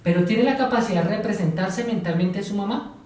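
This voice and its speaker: A man's voice: high-pitched, a little fast, darkish tone. Man lecturing in a very echoey classroom. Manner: asks the class questions and repeats their answers; tells examples step by step, now and then playing a teacher or patient. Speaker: psychology lecturer. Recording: very echoey room, voice from far off.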